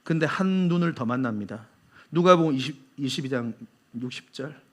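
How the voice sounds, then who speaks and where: A man's voice: mid-range voice, expressive, normal speed. A male pastor with a Busan Gyeongsang accent, preaching a sermon and putting rhetorical questions to his congregation. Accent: Busan Gyeongsang Korean. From Busan, South Korea.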